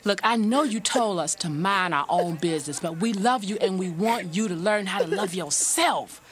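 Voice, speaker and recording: A woman's voice: medium pitch, normal speed, natural voice. A woman playing an earnest, concerned friend in a radio comedy sketch. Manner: earnest, urging.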